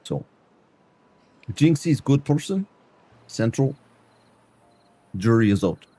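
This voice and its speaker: A man's voice: mid-range voice, sing-song, takes it slowly, mellow, breathy edge. A man streaming live, chatting loosely through gameplay and often stumbling over and repeating his words.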